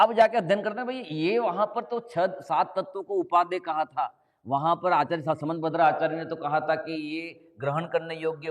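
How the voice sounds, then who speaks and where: Man giving a sermon in an echoey hall. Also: a little high. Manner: questioning listeners, chants verses slowly. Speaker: Jain scripture teacher. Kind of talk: Hindi sermon with chanted Prakrit verses. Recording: echoey hall, long reverb.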